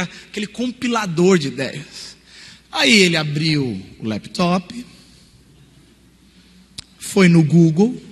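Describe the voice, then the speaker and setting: High-voiced Brazilian man preaching in a hall. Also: slightly rough. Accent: Brazilian Portuguese. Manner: animated storytelling, acting out quotes. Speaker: seminar speaker. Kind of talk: sermon-style talk. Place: large hall. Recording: long hall reverb.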